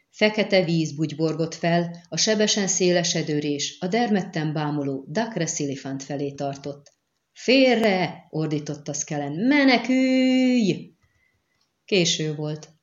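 A woman with a low, deep voice narrates a novel in steady, dramatic storytelling. The recording sounds roomy and a little dull, like a room-recorded audiobook. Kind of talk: scripted narration.

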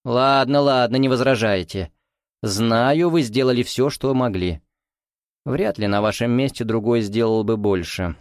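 A man's voice: mid-range voice, a little slow, no echo, clean studio sound, close to an everyday voice. Man doing a smug secret-order boss, drawling and mocking, audiobook. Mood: reproachful. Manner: reproachful drawl, condescending. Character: suave, smug male lodge commander, mocking.

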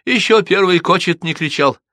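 Guy doing a high tearful young peasant girl, wailing village talk, dry close sound. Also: normal speed, pushed and bright, no room sound. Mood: dreamy. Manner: wailing village folk speech.

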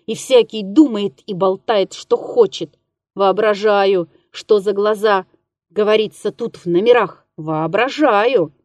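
A woman's voice: mid-range voice, a little mellow, no echo, lightly acted. A woman voicing an offended, self-pitying man who speaks in an indignant, bitter tone. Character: offended, self-pitying middle-aged male landlord.

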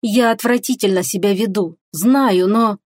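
A woman's voice: mid-range voice, a little slow, dry recording, clean studio sound, natural voice. A woman voicing a fiery, jealous young woman who speaks sharply and indignantly. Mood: anguished.

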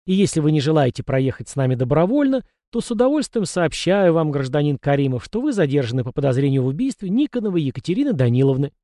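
A man reading an audiobook voices a smug, self-satisfied middle-aged male police investigator in a raised, louder voice. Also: fairly high pitch, big pitch swings, fast talker, hardly any pauses, no room sound, studio quality.

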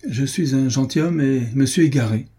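Young male swordsman, courteous and cool, husky dark voice, read by a man in an audiobook. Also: mid-range voice, normal speed, voice pushed up, natural voice. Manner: polite, cool, resolute. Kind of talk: audiobook reading.

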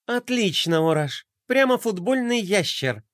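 A man's voice: high voice, sing-song, a little slow, dry recording, voice pushed up. A sarcastic toy skater girl with a mocking edge, as a man puts her on. Her voice is lifted above his own and recorded dry and close.

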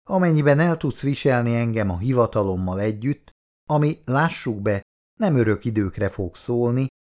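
Earnest passionate head of government in a storybook, low voice, as the reader plays him. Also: male voice, gravelly, mellow, breathy edge, heavily acted. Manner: earnest and serious. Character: passionate, earnest middle-aged male prime minister.

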